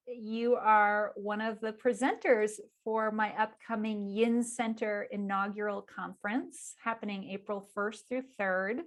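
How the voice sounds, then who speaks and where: A woman hosting an interview and organizing a conference, asking questions and affirming her guest with frequent "mm-hmm"s. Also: mid-range voice.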